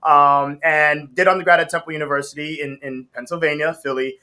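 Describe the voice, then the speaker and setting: Bright-voiced upbeat Haitian-born man. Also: fairly high pitch, brisk. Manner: upbeat, laughing easily, slangy and relaxed. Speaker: guest, brand co-founder. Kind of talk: casual interview talk.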